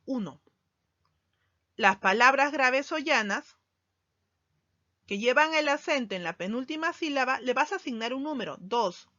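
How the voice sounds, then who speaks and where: A woman teacher giving a recorded grammar lesson, speaking slowly and deliberately and stressing key words. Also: sits high, pushed and bright, no echo. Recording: dull lo-fi sound, dry.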